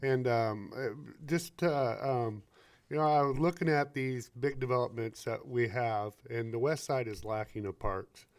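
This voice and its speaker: A man's voice: mid-range voice, measured pace. A man on a city council bringing up an agenda item, informal and hesitant with many fillers. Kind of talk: council meeting discussion.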